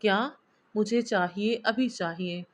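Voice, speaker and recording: A woman's voice: mid-range voice, normal speed, close to an everyday voice. A woman reading a storybook aloud and voicing a spoiled, playful young wife who whines and pouts. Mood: whining. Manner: whiny, petulant.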